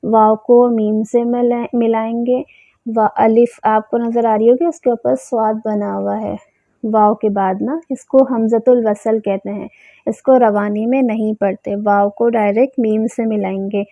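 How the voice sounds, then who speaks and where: A woman teaching Quran recitation rules, who recites words slowly and drawn out and then explains them plainly. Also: a little high, steady tone, no room sound. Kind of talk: tajweed lesson. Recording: tinny phone-like sound, dry.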